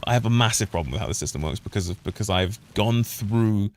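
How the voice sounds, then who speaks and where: Streaming a game, a man from the United Kingdom gives casual, opinionated commentary that wanders, trails off and restarts. His British voice sits on the low side, animated and quick.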